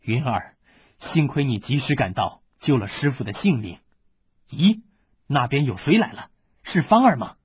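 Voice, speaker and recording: A man's voice: mid-range voice, expressive, moderate pace, breathy edge, no echo. A man voicing a bitter, cunning older swordsman who speaks with resentment. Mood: wary.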